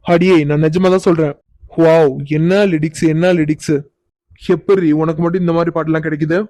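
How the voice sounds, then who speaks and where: A woman's voice: low voice, flat delivery, warm tone, no room sound, natural voice. A woman playing a cocky teasing village youth. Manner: teasing, unhurried, mock-innocent. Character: teasing young village man, cocky and playful. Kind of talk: cartoon voice acting.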